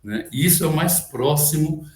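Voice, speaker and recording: A man's voice: fairly high pitch, normal speed, a little mellow. Man teaching chant, echoey room. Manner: explanatory, frequent "né?" tag questions, breaks into short chanted phrases. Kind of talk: online music lecture with sung examples.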